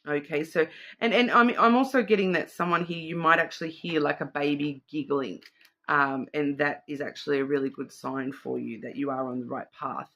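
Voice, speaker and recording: A woman's voice: deep voice, fairly even intonation, moderate pace, fairly bright tone, lo-fi sound. A middle-aged woman giving a casual psychic card reading, thinking aloud in a rambling, intuitive way. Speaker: card reader.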